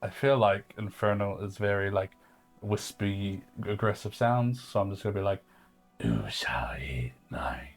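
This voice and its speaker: With soft music in the background, a player voices his tabletop game character in a low, flat tone at normal speed. He rambles hesitantly and leans on many filler words.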